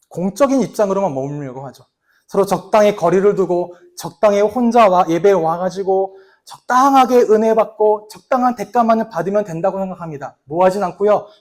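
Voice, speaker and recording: A man delivers a sermon as a pastor, his voice pitched high for a man. He presses the listeners with rhetorical questions and often falls to a soft, near-hushed tone when he voices quoted speech.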